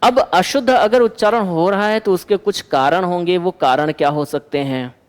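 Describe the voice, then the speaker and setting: A male teacher delivers an exam-prep lesson in a high voice. He keeps asking his class a question and then giving the answer himself. The room around him rings with a long reverb. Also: normal speed.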